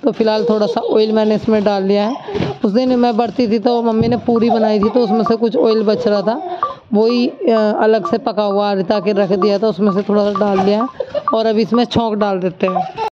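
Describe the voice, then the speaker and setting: A woman's voice: medium pitch, normal speed, highs cut off. A young woman chatting casually while cooking in her home kitchen, rambling with many asides. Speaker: village vlogger.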